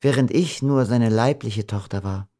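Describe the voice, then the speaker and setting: A man reading an audiobook, voicing a gentle, doomed young woman in a raised, soft voice. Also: normal speed, close to an everyday voice. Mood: tender, pleading. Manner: soft, pleading, raised pitch.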